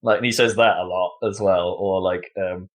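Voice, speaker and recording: A man's voice: low voice, steady tone, normal speed. A man chatting casually about video games as a podcast co-host, rambling with lots of fillers and laughs.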